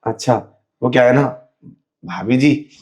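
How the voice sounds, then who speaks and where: एक चालाक, चापलूसी करता आदमी. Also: male voice, medium pitch, a little slow, a little mellow. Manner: sly, wheedling, keeps saying "you know". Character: sleazy man faking blindness, wheedling. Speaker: actor in a short skit. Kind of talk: scripted comedy skit.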